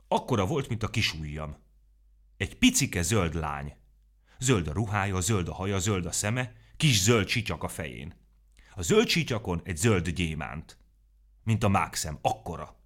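A man reading a children's story aloud in a playful, animated way. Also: low-pitched.

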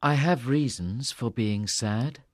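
A woman voicing a proud, troubled young king in a storybook, brooding and quick to anger. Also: a bass voice, dry recording, clean studio sound, voice pushed down, exaggerated voice. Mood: brooding, sad. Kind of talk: storybook character voice.

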